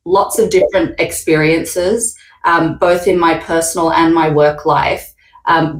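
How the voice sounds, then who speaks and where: A woman with an Australian accent hosting a casual online panel talk, relaxed and full of little hesitations. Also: sits low, reverberant, rough recording. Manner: relaxed, hesitant with many fillers. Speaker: panel host.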